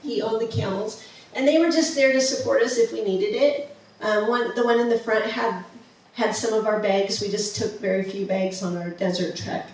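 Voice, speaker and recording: Fairly high in pitch, steady in tone and moderate in pace, a woman talks with hardly any pauses. She's the presenter of a travel slideshow, casual and enthusiastic, with many ums and restarts, in a museum presentation room. A distant mic in a very echoey room catches slight background noise.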